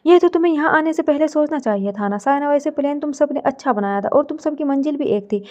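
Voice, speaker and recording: A woman voicing a cold, unhurried male mafia boss who toys with his captives in a storybook romance. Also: sits high, expressive, a little mellow. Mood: calm menace.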